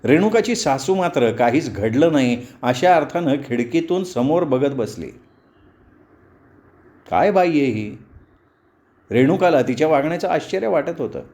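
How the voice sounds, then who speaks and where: A man reading a novel aloud as a storyteller, measured and expressive. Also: on the high side. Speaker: audiobook storyteller. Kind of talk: novel narration.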